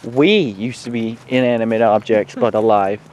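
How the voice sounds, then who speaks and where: A young man chatting casually on a walk outdoors, making dry, deadpan jokes. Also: lowish voice, moderate pace. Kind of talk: casual chat while walking. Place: outdoors on a city street at night.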